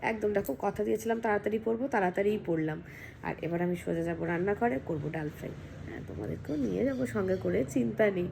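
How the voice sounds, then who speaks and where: Female vlogger, cold-hoarse and gravelly, easy home chat, slight background noise. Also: mid-range voice, fast. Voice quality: husky, gravelly. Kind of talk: casual vlog chat, reading viewer comments.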